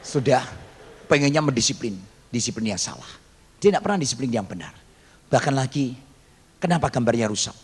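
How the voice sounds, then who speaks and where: Dramatic storytelling preacher in an echoing hall. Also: male voice, medium pitch, animated, a little fast, long pauses, breathy edge. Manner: dramatic, acts out quoted voices, jokes with the congregation. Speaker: pastor. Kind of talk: storytelling sermon. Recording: long hall reverb, faint background noise.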